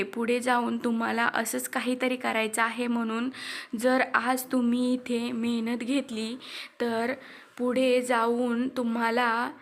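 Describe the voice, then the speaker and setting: A woman voicing a strict teacher who lectures her class in a stern tone. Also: a little high.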